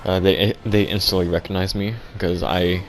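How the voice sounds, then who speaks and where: A young man telling an absurd comic story deadpan, rambling and halting with lots of restarts. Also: low voice, slight background noise. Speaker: vlogger.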